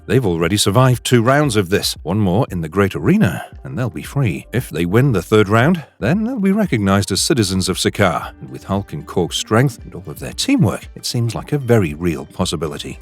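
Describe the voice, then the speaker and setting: A man's voice: sits low, very animated, moderate pace, few pauses. A man narrating a scripted comic book recap in a dramatic storytelling manner. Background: faint music.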